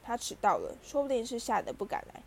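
A woman's voice: on the high side, huge pitch swings, quick pace, vocal fry, a little hiss or hum, heavily acted. A woman voicing a nervous schoolboy who groans in dismay. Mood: whispering.

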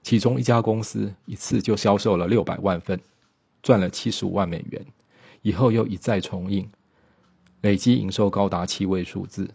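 A man narrating a biographical documentary in a steady storytelling manner, with occasional small slips. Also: lowish voice, moderate pace, creaky, slightly rough, dry recording.

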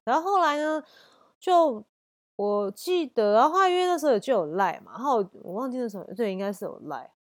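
A woman, telling a personal story in a casual podcast chat, blunt and lively. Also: a little high, a little fast, no room sound, studio quality. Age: 30s. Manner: blunt and animated, acts out heated phone quarrels. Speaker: podcast host.

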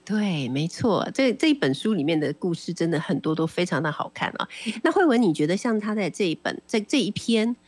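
A woman hosting a radio book program, asking a guest questions in a thoughtful, unhurried way. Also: on the low side, very animated, darkish tone, breathy edge, no room sound. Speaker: radio host. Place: radio studio.

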